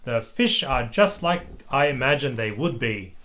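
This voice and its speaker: An adult reader voicing an excitable, cheerful little girl pig in a children's storybook. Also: mid-range voice, unhurried. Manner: wide-eyed, enthusiastic.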